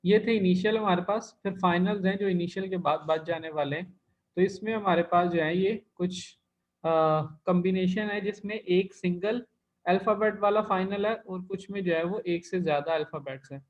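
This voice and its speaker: A man with a fairly high voice teaches a class, patient and methodical as he walks through each sound and term. The recording is dull and lo-fi, as from an online class on a computer mic. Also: normal speed. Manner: patient, explains step by step, repeats terms. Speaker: language teacher.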